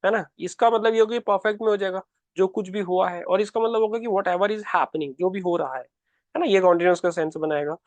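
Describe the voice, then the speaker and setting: Man, high voice, patient exam-prep grammar teacher, dry close recording. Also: no echo. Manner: explanatory, repeats key words, reads example sentences slowly. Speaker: English teacher.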